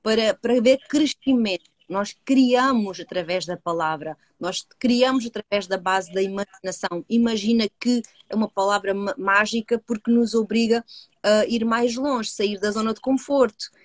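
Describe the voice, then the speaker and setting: A woman with a European Portuguese accent, a hypnotherapist co-hosting a live discussion, earnest and measured, who asks rhetorical questions and then answers them. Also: medium pitch, no echo. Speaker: co-host, hypnotherapist. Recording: dry close sound.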